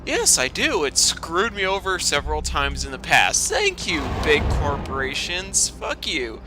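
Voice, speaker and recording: Over music, a man with a slightly high voice speaks a little slowly, his pitch swooping wildly. Host of a storytime reading series, he gives a sarcastic, foul-mouthed dramatic reading laced with exasperated commentary, a lingering cough affecting his throat.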